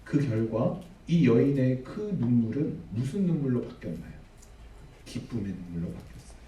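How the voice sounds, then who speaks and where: A man's voice: medium pitch, sing-song, normal speed, warm tone. A man preaching a sermon as pastor, dramatic, acting out the figures he quotes. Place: church sanctuary. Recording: echoey hall, mic at a distance.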